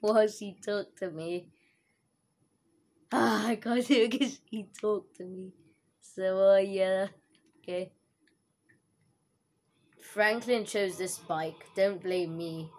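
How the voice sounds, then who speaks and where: A woman's voice: medium pitch, fairly even intonation, takes it slowly, pauses often, darkish tone. A woman giving casual, giggly commentary over her own gameplay, laughing often and dropping internet slang. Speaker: gaming video host.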